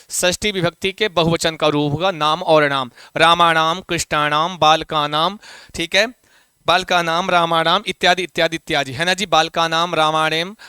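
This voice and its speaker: A man's voice: high voice, sharp tone, clean tone, no echo, clean studio sound. A man teaching Sanskrit grammar for an exam, repeating his own questions to students and chanting word forms in rhythm. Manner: repeats questions to students and calls them "beta". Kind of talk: exam-prep classroom lesson.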